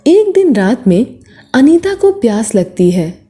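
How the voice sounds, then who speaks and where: A woman narrating a storybook in a measured, expressive way. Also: on the high side, soft background music.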